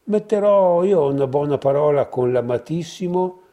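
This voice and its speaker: A man's voice: on the high side, animated, moderate pace, mellow, voice pushed up, close to an everyday voice. A man doing a sly young painter. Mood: exclaiming.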